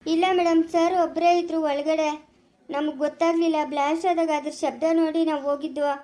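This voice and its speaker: A woman voicing a hospital staff member who firmly calms the family and asks them to step outside. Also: sits high, a little fast, voice pushed down, natural voice. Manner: firm, calm, reassuring. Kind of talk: amateur family drama.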